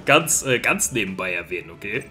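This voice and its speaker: A young man hosting a gaming video, giving excitable, exasperated commentary and repeating his phrases over and over. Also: on the low side, fairly quick. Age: young adult. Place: indoor gaming room on camera. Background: game music.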